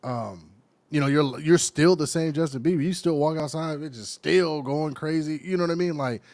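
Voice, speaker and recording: A man's voice: a little high, moderate pace, a little mellow, dry recording. A man co-hosting a podcast in loose, casual chat, with an American accent, talking with lots of fillers and laughing often. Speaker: podcast co-host.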